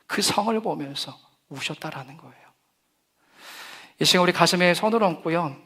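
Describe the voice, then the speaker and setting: A middle-aged male pastor delivers a lively sermon in a high voice. He mixes humor with acted-out quotes to reach his young listeners.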